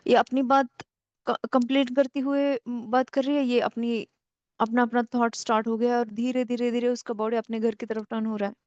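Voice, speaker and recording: Woman teacher telling a slow spiritual story. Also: on the high side, level tone, darkish tone, dry recording, lo-fi sound. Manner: slow, repetitive, story-telling with many pauses.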